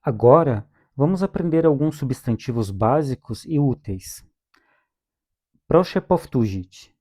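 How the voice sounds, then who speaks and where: His intonation lively and his tone darkish, a young Brazilian man with a Brazilian Portuguese accent runs calm vocabulary drills at a slightly slow pace and medium pitch. He is patient and repeats each word twice for learners.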